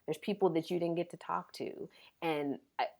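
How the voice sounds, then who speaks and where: A woman's voice: fairly low pitch, moderate pace, vocal fry, a little mellow. A woman in her thirties, a pediatric physical therapist, speaking earnestly as a guest in a podcast interview.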